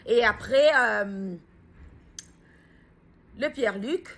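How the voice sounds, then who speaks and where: In a personal video, a grieving mother speaks out, hesitating and stumbling as she hunts for words before pushing earnest questions. Her voice sits on the high side, creaky and a bit bright.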